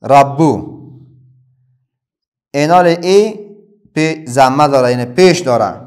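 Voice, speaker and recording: A man with an Afghan Dari accent teaching a children's reading lesson. He asks his pupils a question, then answers it himself, with many pauses and fillers. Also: mid-range voice, darkish tone.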